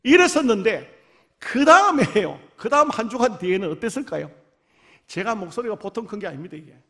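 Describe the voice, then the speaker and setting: A man preaching a revival sermon. He tells lively stories and acts out voices, swinging from shouts to near whispers, and has a slight cold. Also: sits high, fairly quick. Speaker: pastor. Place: church.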